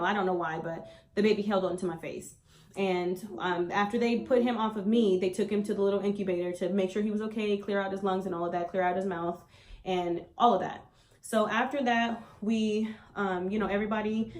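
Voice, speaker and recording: A young woman vlogger casually telling a personal story, acting out what people said along the way. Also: mid-range voice. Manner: animated retelling, acts out quoted lines.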